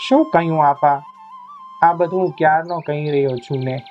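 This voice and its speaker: A half-deaf cart driver grumbles and complains, played by a male narrator. His voice sounds a touch distant and muffled on a dull, lo-fi track. Soft music plays behind him. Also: fairly high pitch, moderate pace, lightly acted. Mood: grumbling.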